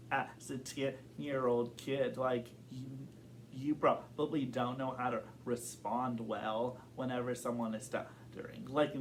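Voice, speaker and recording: A young man who stutters, with a medium-pitched voice, answers questions in a casual interview, open and thoughtful, using many fillers and repeated words. Slight background noise is audible.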